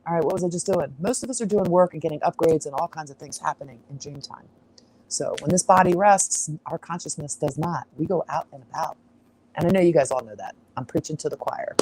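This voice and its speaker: A woman's voice: low voice, a little fast, noisy background. A woman hosting an astrology livestream, chatting casually on a farm, rambling and sidetracking with frequent laughs. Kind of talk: casual live-stream chat. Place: outdoors on a farm.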